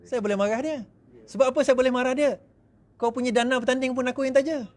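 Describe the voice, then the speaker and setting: A middle-aged man with a Malaysian accent, giving an animated speech to supporters, mimicking others in quick asides and laughing often. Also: very high-pitched. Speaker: politician speaking to supporters.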